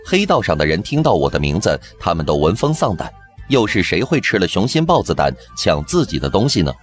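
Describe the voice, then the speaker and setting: A man narrating a TV drama recap in brisk scripted storytelling. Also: sits low, very animated. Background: background music.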